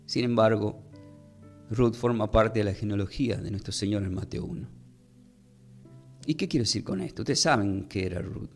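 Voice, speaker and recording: A man preaching a sermon, measured and slowing down to stress key words. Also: lowish voice, faint music behind.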